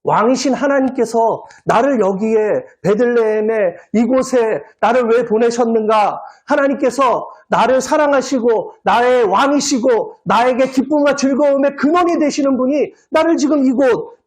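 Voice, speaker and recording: A male pastor preaching a sermon at a church service. He talks playfully, cracks jokes and keeps prodding the congregation with quick questions. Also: very high-pitched, darkish tone. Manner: quizzes the congregation with constant "eh?" prompts; jokey, playful wordplay.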